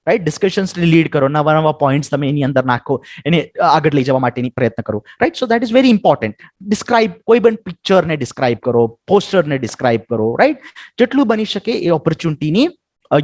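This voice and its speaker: High, lively Indian-accented man lecturing. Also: no room sound, clean studio sound. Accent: Indian English. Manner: ends nearly every point with a coaxing "right?". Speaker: English skills trainer. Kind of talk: webinar lecture mixing Gujarati and English.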